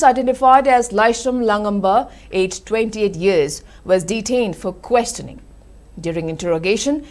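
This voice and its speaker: A woman presents the news in an Indian accent. Her voice sits at a medium pitch, and she delivers scripted narration in the manner of a bulletin. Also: darkish tone.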